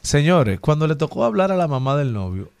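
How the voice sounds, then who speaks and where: A man's voice: a little high, a little fast, gravelly, clean tone. A man, a radio panelist telling a wedding story in casual banter. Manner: animated anecdote teller.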